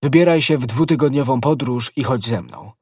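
A man voicing a bold, knowing young guardsman who speaks briskly and gives orders, in a husky voice. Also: medium pitch, a little mellow, dry recording, clean studio sound, voice pushed up, natural voice.

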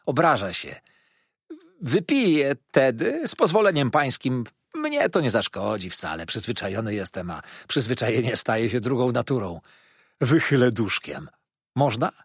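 Man doing a cheeky, loud young inn waiter, husky, bouncy delivery, audiobook. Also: medium pitch, wildly swooping pitch, a little slow, dry recording, clean studio sound, heavily acted. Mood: teasing, boastful. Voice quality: jovial, teasing and loud. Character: chatty, boastful young male inn waiter. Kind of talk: audiobook character voice.

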